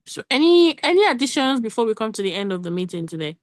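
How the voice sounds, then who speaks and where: Fast-talking woman leading a call. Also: on the high side, sing-song, no room sound, studio quality. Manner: quick, run-on talk with restarts. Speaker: working group meeting lead. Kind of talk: casual meeting update.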